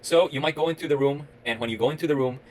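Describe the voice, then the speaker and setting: The audio is poor, and the speaker's voice runs a little high. He's a Costa Rican medical resident in his thirties with a Costa Rican Spanish accent, reflecting alone to camera in an earnest, rambling way that's full of pauses and restarts.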